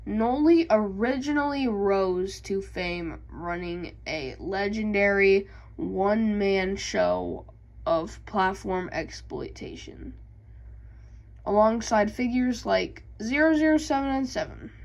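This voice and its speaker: A young woman vlogging about game lore, halting with many ums, reading passages and then explaining them in her own words. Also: medium pitch, lively intonation, darkish tone. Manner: hesitant, many ums and restarts. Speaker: gaming YouTuber. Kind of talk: casual vlog and lore reading.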